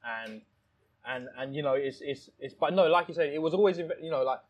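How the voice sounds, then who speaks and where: Husky man, halting restaurant owner. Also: fairly high pitch, low-quality recording. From Thailand. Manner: halting, many restarts and "you know". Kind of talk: casual interview chat. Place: his restaurant, indoors.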